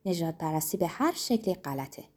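A woman's voice: fairly low pitch, big pitch swings, darkish tone. A woman voicing a carefree young immigrant woman who teases and argues in a breezy way in a story. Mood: teasing, breezy. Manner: teasing, breezy, argumentative.

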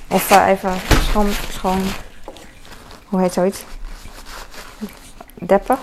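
A woman with a mid-range voice chats casually while cooking in her home kitchen for a vlog, rambling, mocking herself, and using lots of fillers. The recording is noisy, with a pan frying and sizzling in the background.

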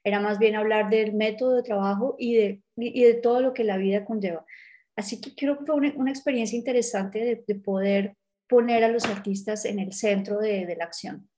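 A middle-aged woman from Colombia with a mellow, warm voice, reminiscing in a documentary interview. She speaks thoughtfully, pausing, hesitating and restarting her sentences as she gathers her thoughts. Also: medium pitch, fairly even intonation. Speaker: art world interviewee.

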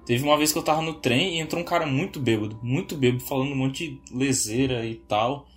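A man co-hosting a casual chat, telling stories lively and acting out the dialogue. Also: medium pitch, fast talker, soft background music. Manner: animated, acts out quoted dialogue. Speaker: podcast co-host.

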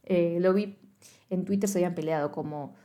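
Animated Argentine woman recapping a film. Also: lowish voice, fairly quick. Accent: Argentine Spanish. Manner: animated, slangy, acts out quoted lines. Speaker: podcast co-host. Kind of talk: casual chat recapping a film.

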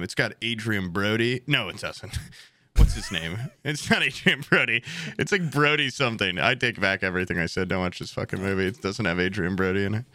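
A man's voice: on the low side, pushed and bright. Rambling, profane podcast co-host man. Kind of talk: casual podcast chat.

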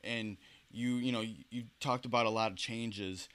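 A man's voice: on the low side, steady tone, normal speed, fairly bright tone, clear, resonant tone. A man interviewing a guest in a casual chat, leaning heavily on "you know" and "like" as he frames his questions. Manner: leans on "you know" and "like" fillers. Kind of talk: casual conversation.

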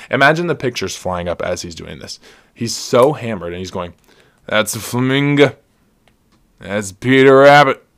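A young man from Ohio telling a funny story on his podcast, casual and lively, laughing often and saying "like" a lot. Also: lowish voice. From Ohio, USA. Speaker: podcast host.

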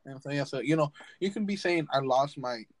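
A man's voice: on the high side, fairly quick, no echo. A young man hosting a casual podcast, rambling and blunt, swearing freely. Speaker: podcast host.

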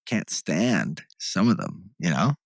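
A young man co-hosting a podcast, telling a rambling, animated story full of restarts and "like". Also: low voice, slow, vocal fry, dry recording. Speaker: podcast co-host. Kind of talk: casual chat, storytelling.

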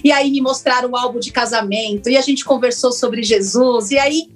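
A woman, a former lawyer now working as a therapist, telling her personal story in an interview in a reflective, earnest way with many pauses. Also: on the high side, soft background music. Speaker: interview guest, former lawyer turned systemic constellation therapist.

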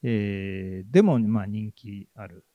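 A man chatting casually about theatre he has seen, relaxed and halting, with many fillers. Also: fairly low pitch, dry recording, phone-quality sound. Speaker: theatre reviewer guest. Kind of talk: casual chat.

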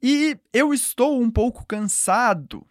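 A woman teaching a podcast language lesson, patiently repeating words slowly for listeners to echo. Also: on the high side, expressive, clean studio sound.

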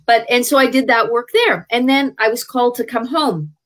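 Frankly recounting her life as an interview guest, this middle-aged Canadian traditional healer talks conversationally and sometimes stumbles into restarts. Her pitch is fairly high, her tone fairly bright, her speed normal.

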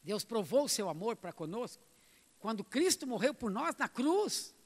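A man preaching a sermon, emphatic, moving between loud exhortation and quiet asides. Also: extremely high pitch, sing-song, moderate pace, big-room sound.

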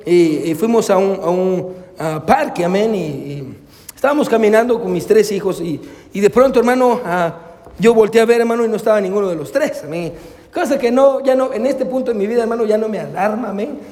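A man's voice: high-pitched, expressive, a little fast, darkish tone. A male pastor preaching a sermon, peppering his lines with amén and hermano and slipping into English phrases, with hesitant, storytelling restarts. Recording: long hall reverb.

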